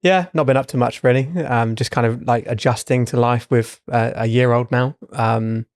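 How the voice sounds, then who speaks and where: A man's voice: mid-range voice, steady tone, moderate pace, dry recording, clean studio sound. A man, co-hosting a podcast in casual chat, speaking thoughtfully and hesitantly with many fillers. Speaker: podcast co-host.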